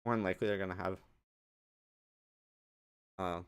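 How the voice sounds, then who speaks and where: A man's voice: deep voice, fairly even intonation, normal speed, clear, resonant tone. A young man hosting his own podcast alone, chatting casually and rambling off on tangents. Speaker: podcast host. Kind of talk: solo casual podcast chat.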